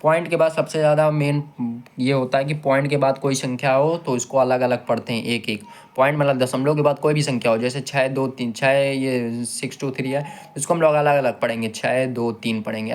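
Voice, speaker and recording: A man's voice: medium pitch, steady tone, a little fast. Patient man teaching a maths lesson. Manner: patient, repeats steps and asks the class questions.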